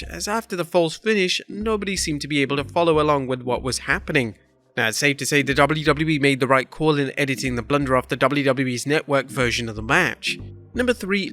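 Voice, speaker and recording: A man's voice: medium pitch, sharp tone. A man reading scripted narration for a countdown video as its narrator.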